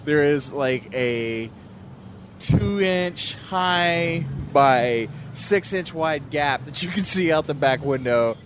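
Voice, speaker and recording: A man talking slowly in a casual, hesitant audio diary. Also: on the high side, lively intonation, a little hiss or hum.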